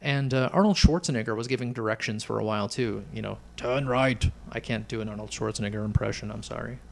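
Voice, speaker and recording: Gravelly middle-aged man, rambling chat. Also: fairly low pitch, fast, slight background noise. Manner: rambling, hesitant with many fillers. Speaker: podcast co-host. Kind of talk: casual chat. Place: Chicago.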